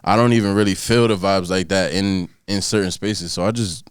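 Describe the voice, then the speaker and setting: A man's voice: deep voice, fairly even intonation, a little fast, clean tone, dry recording, clean studio sound. A young man chatting casually on a podcast, laid-back and full of slang, often asking "you feel me". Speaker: podcast host. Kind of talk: casual chat.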